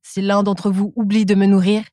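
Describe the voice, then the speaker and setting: A woman voicing a greedy, hot-tempered tiger in a children's storybook reading, in a gruff, demanding way. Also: mid-range voice, level tone, moderate pace, heavy background noise, close to an everyday voice.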